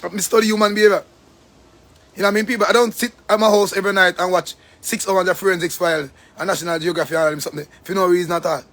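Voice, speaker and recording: A man with a Jamaican accent hosting a live stream, talking in a rambling, profane, animated way. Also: high-pitched, rapid-fire, few pauses. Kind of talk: casual live-stream rant.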